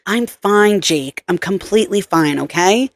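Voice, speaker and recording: A woman narrator voicing a psychiatrist mother, affectionate and gently firm. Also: mid-range voice, expressive, a little slow, dry recording. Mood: reassuring. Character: warm busy psychiatrist mother.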